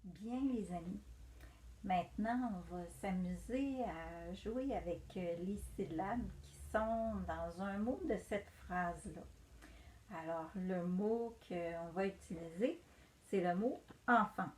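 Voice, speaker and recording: A woman's voice: on the low side, slow pace, darkish tone, slight background noise. A woman teacher giving a patient, encouraging reading lesson to young children.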